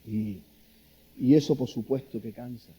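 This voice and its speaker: In a medium-pitched voice that is a little slow and breathy, a middle-aged pastor from Cuba gives a sermon. He tells stories with animation and delivers quotations in a raised, acted-out voice.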